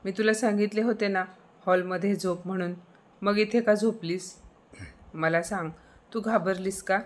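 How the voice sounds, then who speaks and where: A woman's voice: medium pitch, steady tone, moderate pace, natural voice. A woman playing an anxious young married daughter. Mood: worried. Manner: worried, pleading.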